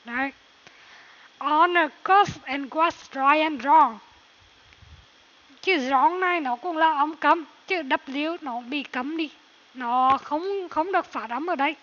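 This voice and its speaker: A woman teaching English pronunciation, reading a passage slowly and repeating words, then explaining quickly. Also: high-pitched, fairly bright tone. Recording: dull lo-fi recording.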